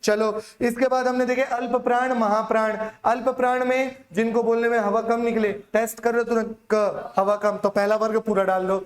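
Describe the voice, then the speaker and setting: A man's voice: extremely high pitch, little pitch movement, moderate pace, hardly any pauses, roomy sound. A male Hindi teacher giving an exam-prep lecture, drilling students by asking questions and answering them himself.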